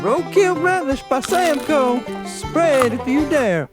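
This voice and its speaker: A woman's voice: sits high, animated, takes it slowly. A woman playing a perky announcer in a parody radio commercial. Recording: loud music under the voice.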